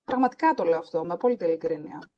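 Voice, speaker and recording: A Greek woman, a French teacher, hosts a casual podcast conversation, speaking earnestly and emphatically while mixing English words into her talk. Her voice sits lowish with lively intonation, and the recording sounds muffled.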